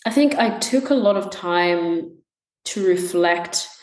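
Young woman, low voice, hesitant interview answers, echo around her. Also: expressive, slow pace. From Tanzania. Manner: soft-spoken, many ums and restarts. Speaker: musician guest. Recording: echoey room.

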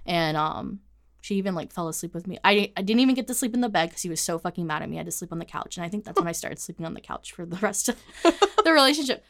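A woman co-hosting a podcast, telling a story in a casual, animated way, full of swearing and "like" fillers. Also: on the low side, quick pace. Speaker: podcast co-host.

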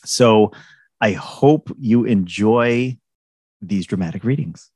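A man's voice: fairly low pitch, slow, darkish tone, breathy edge, dry recording. A man co-hosting a podcast in a casual, conversational way. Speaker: podcast co-host. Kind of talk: casual podcast chat and introduction.

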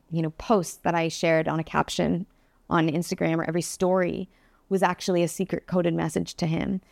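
A woman's voice: fairly low pitch, darkish tone, no room sound. A woman, a guest on a podcast, telling a personal story in a candid, earnest way with many fillers. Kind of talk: interview storytelling.

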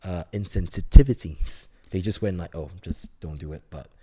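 A man's voice: sits low, moderate pace, mellow, breathy edge. A man in his twenties from Singapore, a chemistry student chatting casually in an interview, hesitant with many fillers. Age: 20s.

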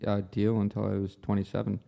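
Gravelly low-voiced young man. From Canada. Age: 20s. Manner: relaxed, halting, repeats words. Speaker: podcast guest, rock drummer. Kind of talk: casual chat.

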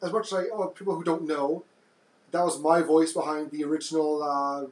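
A deep-voiced man co-hosts a podcast in casual chat, soft-spoken and hesitant, often restarting his sentences. His tone is level and his pace brisk, recorded in an echoey room.

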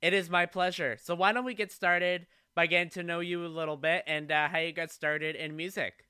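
A man's voice: a little high, level tone, a little fast, pushed and bright, smooth, dry recording, studio quality. A man hosting a radio show, asking guests polite, scripted questions. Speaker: radio host.

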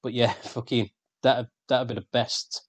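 A man's voice: mid-range voice, fairly even intonation, a little slow, slightly rough, no echo. A man, co-hosting a podcast in casual banter, rambling and swearing freely. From England. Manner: sweary, rambling, laughs often. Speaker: podcast co-host.

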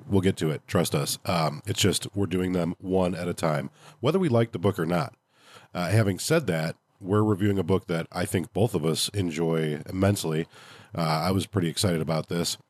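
A man's voice: sits low, moderate pace, darkish tone, dry recording. A man hosting a podcast in casual review talk, with a nasal voice stuffed up from a cold. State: congested from a cold. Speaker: podcast host.

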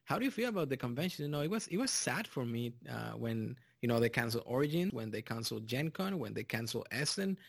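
A man's voice: mid-range voice, very animated, gravelly, breathy edge, no echo, clean studio sound. A man from Mexico with a Mexican Spanish accent, hosting a board game podcast in casual chat, rambling with fillers and restarts. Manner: loud and drawn-out in the intro. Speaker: podcast host.

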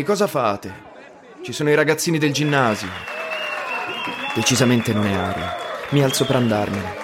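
A man's voice: medium pitch, background noise. A man narrating a story in the first person, wry and ironic in tone.

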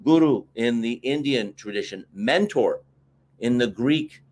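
With an expressive, unhurried delivery and a darkish mid-range voice, a middle-aged American man who teaches marketing tells expansive stories as an interview guest. He uses fillers, and the exchange is casual interview talk.

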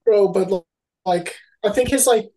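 A man's voice: sits high, unhurried, dark tone. Easygoing young man, offhand chat. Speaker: podcast co-host. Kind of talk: casual chat.

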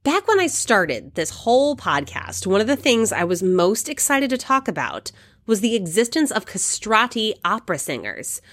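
A woman's voice: medium pitch, very animated, normal speed, a bit bright. A woman hosting a podcast, reading scripted narration in an upbeat, welcoming show-host manner.

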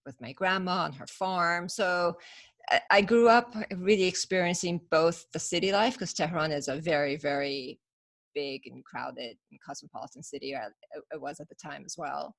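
A woman in her fifties from Iran tells her story as a podcast guest, reflective and casual with frequent fillers, in an interview-style chat. Her low-pitched voice is gravelly, and she speaks at a moderate pace.

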